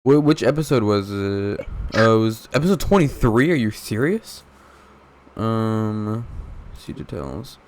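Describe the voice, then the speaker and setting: A young man co-hosting a podcast in casual chat, rambling and interrupting himself, with deadpan teasing. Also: on the low side, measured pace, a little hiss or hum. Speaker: podcast co-host.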